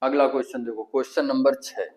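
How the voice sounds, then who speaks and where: A man with a Kanpuri Hindi accent teaches an exam-prep math lesson, asking the class questions and then answering them himself step by step. His mid-range voice is steady and darkish, and he talks fast. The audio quality is poor.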